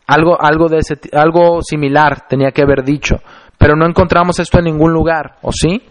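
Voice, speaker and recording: A male preacher with a voice that sits a little high for a man, delivering a sermon. He reads scripture aloud and then explains it. He speaks deliberately and slows down to stress key phrases. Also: fairly even intonation.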